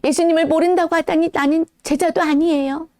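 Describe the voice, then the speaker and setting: A woman's voice: very high-pitched, fairly even intonation, a little fast, a little mellow, pitched above the performer's own voice. A woman voicing Peter, an eager, emotional male disciple in a children's Bible story, speaking earnestly and pleadingly.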